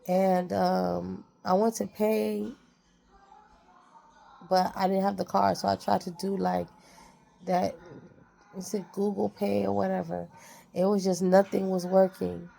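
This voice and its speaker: Woman vlogging life advice, real gravelly voice, keeps repeating herself to drive it home. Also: medium pitch, mellow. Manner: repeats phrases for emphasis, preachy and heartfelt. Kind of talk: casual motivational talk.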